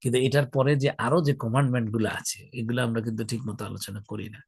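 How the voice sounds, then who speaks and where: A man's voice: mid-range voice, very fast, creaky, breathy edge, dry recording. A middle-aged man gives a religious talk to an audience, chatty, asking them questions and drawing out key words. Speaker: Islamic lecturer.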